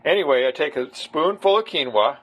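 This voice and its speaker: A man's voice: a little high, animated, a little fast, fairly bright tone. A man casually talking viewers through a home recipe step by step, in a rambling, chatty way. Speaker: home cook. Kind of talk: casual cooking demonstration.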